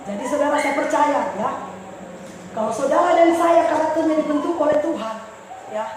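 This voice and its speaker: A woman pastor preaching a fervent sermon that swings from shouts to soft, tearful tones. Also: high-pitched, normal speed. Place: church. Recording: echoey church hall, mic far off, noisy.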